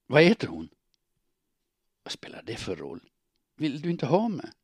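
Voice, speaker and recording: A man reading the lines of a desperate, unstable young woman, often softly whispered. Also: low-pitched, steady tone, vocal fry, breathy edge, no echo, studio quality, exaggerated voice. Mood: hurt.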